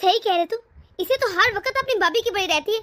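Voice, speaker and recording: A woman's voice: very high voice, lively intonation, fast, fairly bright tone. A woman voicing a worried elderly mother-in-law who broods and frets over her family in a cartoon story. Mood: stern. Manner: brooding, fretful.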